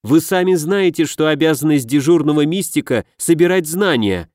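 A man voicing a frightened, scheming dog-headed junior mystic who pleads in a hurried, raised voice. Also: a little high, lively intonation, a little mellow, no room sound, studio quality, pitched above the performer's own voice, close to an everyday voice. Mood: pleading.

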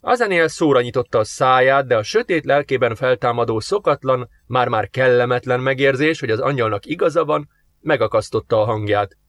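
A man narrating an audiobook in a steady, measured reading voice. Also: medium pitch, no echo. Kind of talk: scripted narration.

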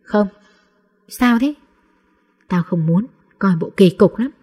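Lady doing a scared quiet little boy, soft husky voice. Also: medium pitch, expressive, takes it slowly. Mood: curious. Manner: quiet, hushed. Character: timid young boy, easily frightened.

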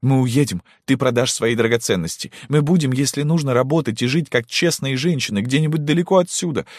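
A man's voice: on the low side, lively intonation, normal speed, no room sound, studio quality, voice pushed up. A man voicing a tearful young girl who pleads dramatically with her mother, in an audiobook. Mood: defiant.

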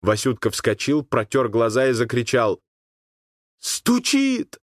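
A man narrating a literary story in an expressive audiobook reading. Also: medium pitch, moderate pace, no echo, clean studio sound.

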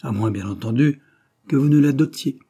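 A man voicing a jovial, boastful old bandit captain who talks in a booming, teasing, theatrical way. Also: normal speed, dark tone, close to an everyday voice. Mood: mocking.

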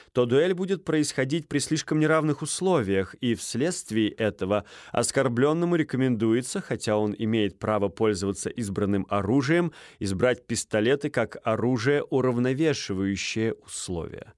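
A man reading a novel aloud as narrator, with an expressive delivery. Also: medium pitch, no echo, studio quality. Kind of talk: audiobook narration.

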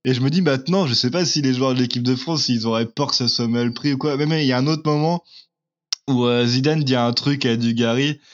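A mid-pitched man chats casually on a podcast. He rambles and hesitates, doubling back on his words. The recording sounds slightly dull and lo-fi. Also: a little fast. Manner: rambling, hesitant, many fillers and restarts. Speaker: podcast co-host. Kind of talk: casual chat.

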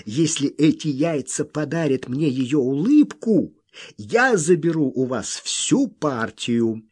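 A hot-tempered miner bursts out in heated, pleading protests, as a man reads him aloud. The voice jumps well above the narrator's usual, loud and swinging wildly. Words come slow and drawn out in the big moments. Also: a little high, lively intonation, husky, full character voice. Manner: explosive, pleading, blustering.

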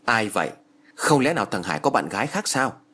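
A man voicing a frightened elderly mother, talking in a shrill, quavering, exclaiming way. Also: sing-song, fairly quick, pushed and bright, breathy edge, exaggerated voice. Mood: fretful.

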